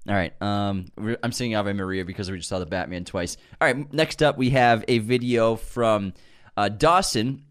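A man's voice: on the low side, moderate pace, few pauses, a bit bright. A man co-hosting a comedy show, chatting casually and reading out listener roasts in a teasing, jokey way that often breaks into laughter.

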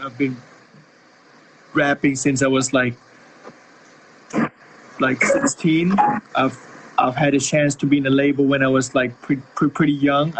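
A man's voice: mid-range voice, slight background noise, low-quality recording. Tired laid-back man on a video call. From Thailand. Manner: laid-back, slangy and rambling. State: tired, woken at night. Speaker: guest, rapper. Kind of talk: casual interview chat.

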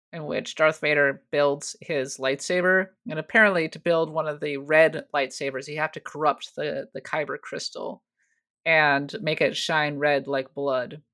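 Co-host, mid pitch, measured explainer. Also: bright, forceful tone. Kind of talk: casual panel discussion.

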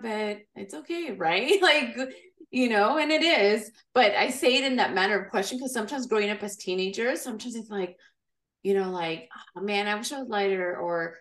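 A woman's voice: medium pitch, roomy sound. A woman hosting a podcast interview, chatty and friendly, switching between Spanish and English. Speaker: podcast host. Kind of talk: bilingual casual podcast interview.

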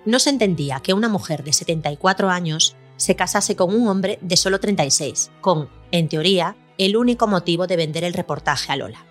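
A woman hosting a podcast, reading a scripted documentary narration in a measured storytelling way. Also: lowish voice, animated. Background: faint music.

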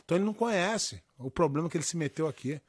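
A middle-aged man with a Brazilian accent, co-hosting a podcast, telling stories in a lively way, swearing freely and acting out the lines he quotes. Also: fairly high pitch, very fast, slightly rough, dry recording. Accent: Brazilian Portuguese. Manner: animated storyteller, swears a lot, acts out quotes. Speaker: podcast co-host. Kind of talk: casual podcast banter.

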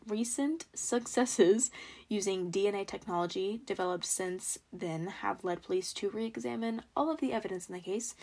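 A young American woman tells true crime stories as a solo podcast host. Her pitch is average for a woman, and she has trouble saying her R's. She talks informally from notes, with self-deprecating asides. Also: darkish tone. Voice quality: trouble pronouncing R sounds.

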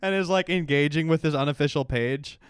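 A man's voice: fairly high pitch, fairly quick, clear, resonant tone, no room sound, studio quality. A young man chatting casually and crudely, laughing often as he rambles. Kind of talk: casual podcast chat.

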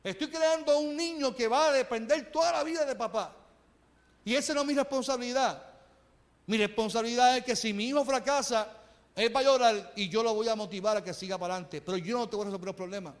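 A man's voice: very high-pitched, fast. Brief: male pastor in his thirties, conversational sermon in a church hall. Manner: earnest, conversational preaching with rhetorical questions. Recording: reverberant hall.

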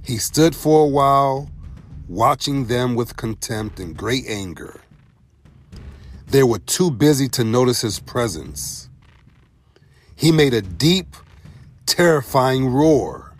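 Slow, expressive male storyteller. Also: mid-range voice. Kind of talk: storybook narration.

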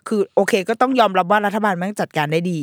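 Fast-talking candid woman, dry close mic. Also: medium pitch, animated, dry recording. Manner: fast, candid, self-mocking, swears casually. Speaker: podcast guest. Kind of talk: casual chat.

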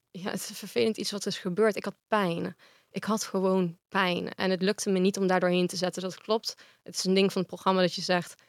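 A woman's voice: mid-range voice, clear, resonant tone, no room sound, clean studio sound. A woman guest in a casual interview, speaking frankly and at length.

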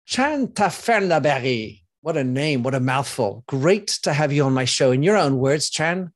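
Chatty male podcast host, medium pitch. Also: moderate pace. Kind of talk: podcast presenting and interviewing.

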